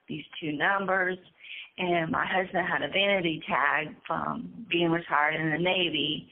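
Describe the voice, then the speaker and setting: A nervous woman hesitantly telling her own story as an interviewee, pausing often with ums. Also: fairly low pitch. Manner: hesitant, halting, with frequent ums. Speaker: incarcerated interviewee. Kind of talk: casual conversational storytelling. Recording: tinny phone line.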